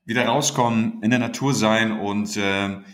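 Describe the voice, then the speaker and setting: Man, podcast co-host, lowish voice, loose animated chat. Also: normal speed. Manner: animated, storytelling with acted-out dialogue.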